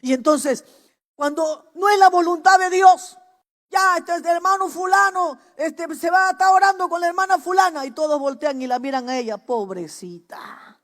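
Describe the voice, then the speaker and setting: A woman gives a sermon testimony to young people, swinging from hushed storytelling to loud exhortation. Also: very high voice, moderate pace. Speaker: preacher giving testimony. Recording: long hall reverb.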